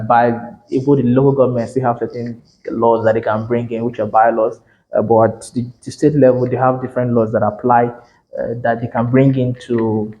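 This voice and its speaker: A man's voice: medium pitch, dark tone, highs cut off. A man giving a lecture on real estate law to realtors, conversational and emphatic, often correcting himself mid-sentence.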